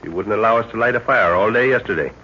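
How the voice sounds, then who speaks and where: In a muffled, noisy 1930s radio recording, an actor voices a calm, authoritative middle-aged father leading a jungle expedition. His fairly low voice is measured and commanding, with a matter-of-fact mood.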